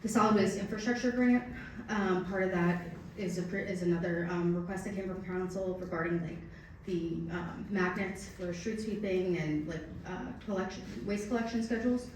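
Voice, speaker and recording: Low-voiced woman answering council questions. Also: moderate pace, a little hiss or hum. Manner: hesitant, with many fillers. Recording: echoey council chamber, distant mic.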